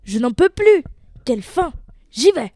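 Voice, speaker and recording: Woman reading as a ferocious big male wolf, storybook tale, loud and raised, hungry, demanding. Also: high voice, a little slow, no echo, clean studio sound. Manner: shouting, demanding.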